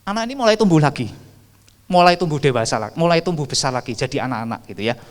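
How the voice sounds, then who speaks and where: A man's voice: a little high, animated, fast talker. A man, preaching a sermon and quizzing the congregation with rhetorical questions. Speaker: pastor. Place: church sanctuary. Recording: reverberant church hall.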